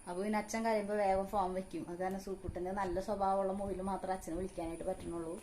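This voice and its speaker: A mother with a Kerala Malayalam accent, talking in a home vlog. She coaxes her young son in a sing-song voice and calmly explains things to the viewers. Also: medium pitch, rapid-fire, slight background noise. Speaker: mother of the vlog's child. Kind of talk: casual home vlog talk with her child.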